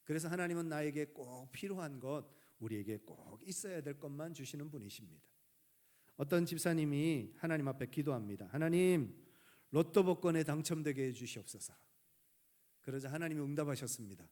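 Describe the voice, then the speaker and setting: Middle-aged pastor guy preaching, slightly high voice, lots of questions to the crowd. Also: lively intonation, a little mellow. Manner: preaching with dramatic pauses and rhetorical questions; acts out prayers and dialogue in a raised voice. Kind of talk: sermon.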